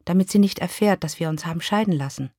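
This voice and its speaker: A woman reading the lines of a deadpan ex-husband in a story. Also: on the low side, fast, no room sound, clean studio sound. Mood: dry. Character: dry, deadpan ex-husband, middle-aged man.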